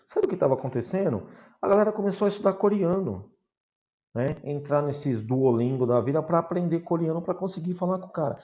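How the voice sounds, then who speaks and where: A man from Brazil teaching a recorded class in a lively, chatty way, addressing his students informally. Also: a little high, a little fast, dull audio.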